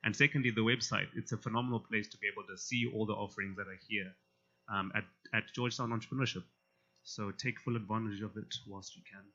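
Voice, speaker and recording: A man emceeing a student pitch competition in a casual way, with many fillers between announcements. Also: steady tone, fast talker, sharp tone. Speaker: event emcee. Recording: slightly muffled event audio.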